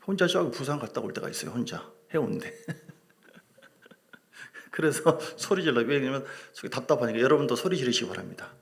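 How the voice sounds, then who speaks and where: A middle-aged man preaching a sermon as a pastor in a church, lively and joking with his congregation. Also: medium pitch, moderate pace, gravelly. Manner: animated preaching with humor, asides to the congregation. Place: church sanctuary.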